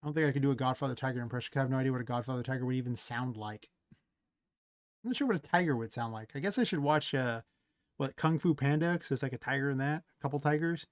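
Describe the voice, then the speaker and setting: A man's voice: mid-range voice, quick pace, dry recording, studio quality. A tired man, an indie game developer, thinking aloud and rambling to himself as he works through the night. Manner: rambling, talks to himself, trails off. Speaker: indie game developer streaming his work. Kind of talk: thinking aloud while working.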